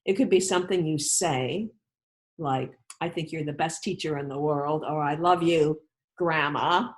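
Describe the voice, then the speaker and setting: This author has a deep voice as she reads aloud for children and talks to them directly. Her tone is encouraging and instructive, with purposeful, emphatic phrasing.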